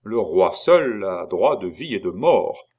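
Un homme qui fait la voix d'un bouffon gascon moqueur, qui parle de façon brève, forte et narquoise. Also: male voice, sits low, sing-song, slow, exaggerated voice. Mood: mocking. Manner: curt and mocking, louder than the narration. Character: mocking male Gascon jester, gruff and teasing.

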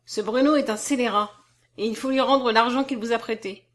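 A woman's voice: a little high, fairly even intonation, brisk, natural voice. A woman reading an audiobook, voicing a self-assured young man who talks in a half-mocking, half-solemn way. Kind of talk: audiobook character voice.

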